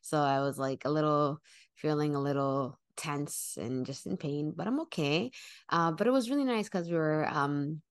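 A woman's voice: deep voice, moderate pace, clean tone, dry recording, studio quality. A woman of about twenty-nine chatting informally as a podcast co-host, with "like" sprinkled through her talk. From not from New York. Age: around 29. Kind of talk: casual chat.

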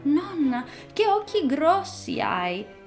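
A woman voicing an anxious, rule-minded little girl in a storybook reading, speaking in a raised, excited girlish voice. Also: high voice, slow, soft background music, pitched above the performer's own voice, exaggerated voice. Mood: wondering.

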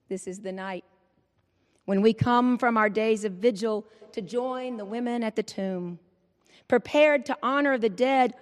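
A woman's voice: mid-range voice, a little mellow. Woman preacher at a pulpit microphone. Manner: measured, rhythmic preaching with repeated refrains. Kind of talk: Easter Vigil sermon. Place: large church. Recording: long church reverb.

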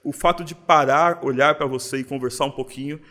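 Relaxed São man, slang-heavy. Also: mid-range voice, fairly quick. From São Paulo, Brazil. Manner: relaxed, reflective, uses street slang. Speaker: guest. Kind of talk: casual interview.

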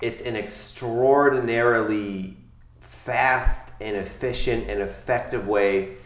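A male podcast host, nasal from a cold, chatting casually with his wife in a relaxed, rambling way. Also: mid-range voice, slow pace, reverberant.

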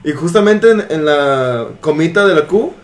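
High-voiced young Mexican man telling a story. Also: expressive, normal speed. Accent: Mexican Spanish. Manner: slangy, laughing, acts out the people in his story. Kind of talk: casual storytelling among friends.

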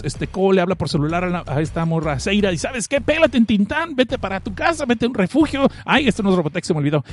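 With a Mexican accent, this man recaps an anime episode like a comic narrator, packing in jokes, crude slang and side comments to his viewers. His voice is high-pitched with a darkish tone, and his manner is playful and slangy.

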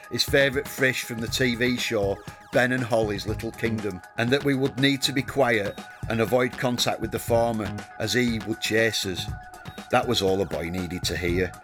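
A man in his thirties narrating a wry, deadpan personal story. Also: mid-range voice. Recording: music playing under the voice.

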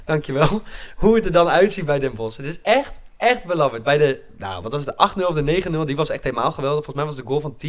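Male panelist, lively and laughing, voice a touch high, casual football chat. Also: fast talker, few pauses. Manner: animated, laughs often, rises in pitch when worked up.

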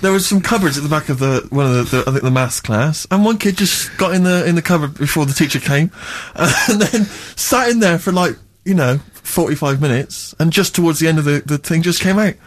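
A man co-hosting a radio show, musing aloud in a slightly high voice with lively intonation. He speaks into a studio microphone. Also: a little fast, hardly any pauses. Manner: musing, reflective remarks. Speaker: radio co-host. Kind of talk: casual radio chat.

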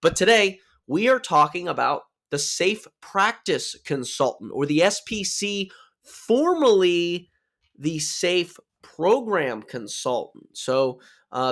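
A man hosts a solo podcast while nursing a sore throat from a cold, explaining things casually in an upbeat, chatty way full of restarts and self-corrections. His voice is fairly high and fairly bright.

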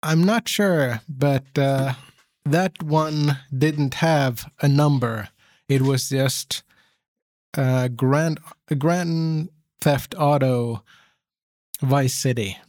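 A middle-aged man with a lingering cough, co-hosting a casual podcast in a halting, dryly humorous way. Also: mid-range voice, darkish tone, no echo, studio quality. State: has a persistent cough. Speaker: podcast co-host. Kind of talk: casual chat.

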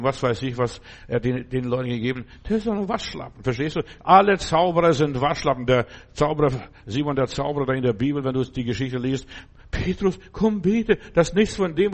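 An older male preacher gives a loose, conversational sermon. He talks to the listener directly and familiarly, rambling and restarting as he goes, and keeps checking whether he is understood. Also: medium pitch. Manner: talks straight to the listener as "du", often asks "verstehst du?"; folksy, blunt, rambling with restarts.

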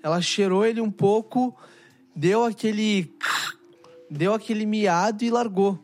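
A man's voice: high voice, measured pace, darkish tone. A young man, hosting a podcast and telling stories in laid-back, slangy casual chat. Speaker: podcast host.

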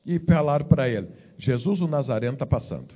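A man preaching a sermon in short phrases, pausing after each one so an interpreter can repeat it. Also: mid-range voice, animated, slightly rough. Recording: dull lo-fi sound.

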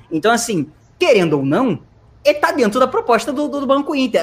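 A man in a casual podcast chat, explaining his points in a measured, deliberate way. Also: high-pitched. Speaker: podcast guest commentator.

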